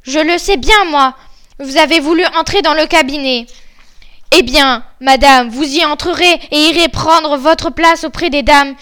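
A woman voicing a menacing, cruel nobleman who threatens and shouts at his wife in a read-aloud fairy tale. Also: high voice, measured pace. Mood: cold.

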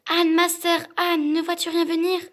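A frightened young wife who pleads for her life and calls out anxiously, as a woman reads her. The voice sits high and bright, in a storybook reading. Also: completely flat delivery, moderate pace. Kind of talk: storybook reading of a classic tale.

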